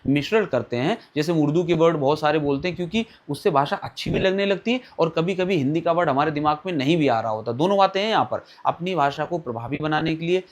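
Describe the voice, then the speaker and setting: A man's voice: fairly high pitch, fast talker, few pauses. A man teaching an online exam-prep lecture, asking questions and answering them himself while repeating key terms.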